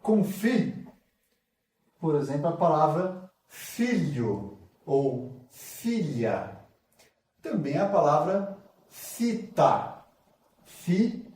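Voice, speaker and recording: Brazilian male literacy teacher, slightly high voice, drawn-out syllables, recorded off-mic. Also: very animated, darkish tone, distant mic. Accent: Brazilian Portuguese. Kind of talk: slow spoken lesson, sounding out syllables. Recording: echoey room, voice off-mic.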